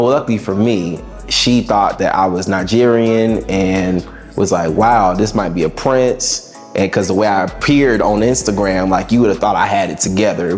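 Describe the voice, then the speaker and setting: A young musician appears as an interview guest, answering in a raspy, lowish voice. He sounds laid-back and reflective and drops casual slang, while soft music plays faintly behind him.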